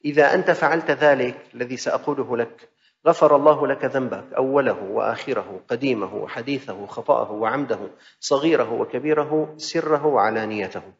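A man's voice: mid-range voice, fairly quick. A male preacher, delivering a sermon in rhythmic, repetitive phrases and slipping from classical into colloquial asides. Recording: dull sound in a reverberant hall.

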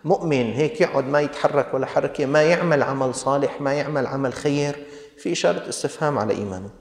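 Fast-talking Levantine man preaching in an echoey hall. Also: mid-range voice, gravelly. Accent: Levantine Arabic. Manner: rhetorical, scolding questions to the congregation. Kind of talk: sermon.

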